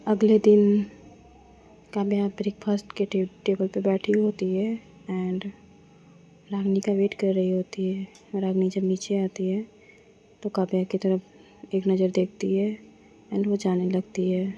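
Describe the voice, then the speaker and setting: A woman telling a romance story in a plain, steady manner. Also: medium pitch, slow pace, pauses often, husky. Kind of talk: story narration. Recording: dull lo-fi with faint noise.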